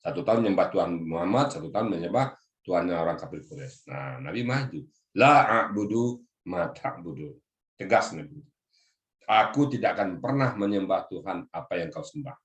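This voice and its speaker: A man's voice: deep voice, lively intonation, a little fast, echoey room. A man giving a religious lesson on Quranic verses, explaining the grammar word by word and often addressing his listeners as "Pak". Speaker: religious teacher. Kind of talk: Quran exegesis lesson to a group. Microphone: video call.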